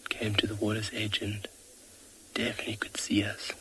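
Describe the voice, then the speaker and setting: A man whispering live wildlife commentary as a safari guide at a watering hole, hushed and awed. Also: fairly low pitch, completely flat delivery, fairly quick. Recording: outdoor ambience noise.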